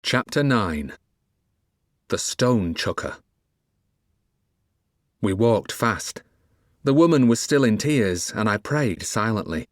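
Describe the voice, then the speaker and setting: A man narrating a dark fantasy audiobook in the first person, telling it expressively. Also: on the low side, animated, slow, pauses often, dry recording, studio quality.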